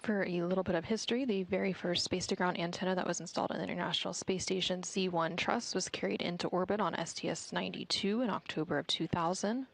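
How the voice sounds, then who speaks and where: Lady doing live mission control commentary, bit low, lots of vocal fry, measured and formal. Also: fairly even intonation, low-quality recording.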